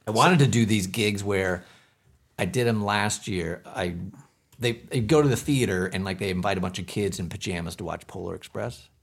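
A young man chatting casually with friends, telling animated stories about his acting gigs. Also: lowish voice, moderate pace, creaky, husky. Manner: animated storyteller. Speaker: community theater actor. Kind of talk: casual group chat.

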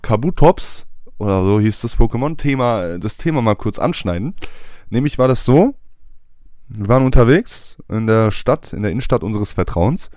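A man's voice: medium pitch, mellow, no echo. Slangy young man, dry close sound. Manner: slangy, rambling, laughs often. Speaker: podcast co-host. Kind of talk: casual chat.

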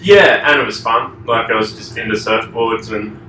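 A man's voice: fairly low pitch, expressive, normal speed, sharp tone. Australian man, thirties, laid-back rambling talk, echoey distant room recording, faint background noise. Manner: laid-back, trailing filler-heavy answers. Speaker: surfboard shaper, interview guest. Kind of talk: casual conversational interview. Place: echoey shaping room indoors.

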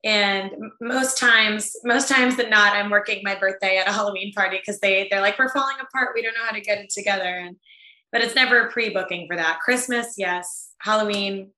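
Bright-voiced chatty woman on a call. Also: mid-range voice. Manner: chatty and laid back, quick to laugh. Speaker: guest, event planner. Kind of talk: casual interview chat. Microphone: video call. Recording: echoey room.

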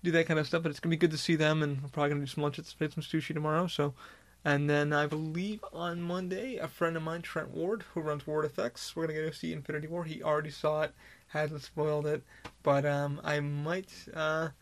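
A male podcast host talking alone in a loose, rambling way, swearing constantly. His voice sits a little high for a man, with a rough, gravelly fry running through it. He sounds like he is chatting off the cuff rather than reading. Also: little pitch movement, fairly quick. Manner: rambling and heavily profane. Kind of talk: casual monologue.

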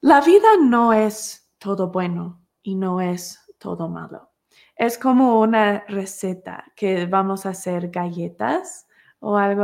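Lady teaching a class, a bit gravelly, mid pitch, uses everyday examples. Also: a little mellow. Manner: explains with homely examples, repeats words for emphasis. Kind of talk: recorded class lesson.

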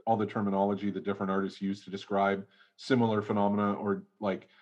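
Male podcast guest, low voice, hedging academic ramble, casual chat. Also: level tone, fast, a little mellow, dull audio. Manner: rambling academic explaining, many hedges. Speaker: guest toy researcher.

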